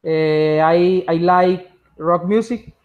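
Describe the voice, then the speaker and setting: Very slow, hesitant Spanish-accented man. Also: high-pitched, phone-quality sound. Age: 30s. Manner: halting, hesitant beginner with many eh fillers. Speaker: student.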